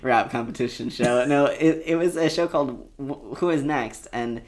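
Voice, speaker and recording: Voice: medium pitch, moderate pace, a little mellow. A young adult co-host in casual chat, rambling with lots of fillers and frequent laughter. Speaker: podcast co-host.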